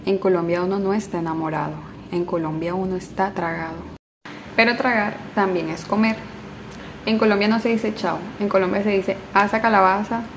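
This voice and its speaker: A woman talking casually to camera, running through slang terms in a playful, rhythmic back-and-forth. Her pitch sits at an ordinary middle level, and a faint noise hangs in the background. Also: steady tone, moderate pace. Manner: playful, rhythmic contrasting of everyday sayings. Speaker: vlogger. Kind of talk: casual spoken explainer of slang.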